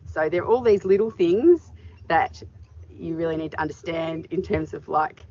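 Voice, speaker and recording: Out in a farm paddock, a middle-aged woman who farms gives thoughtful, filler-heavy answers to an interviewer. Her voice is low and warm at a normal pace, and the dull audio picks up obvious background noise.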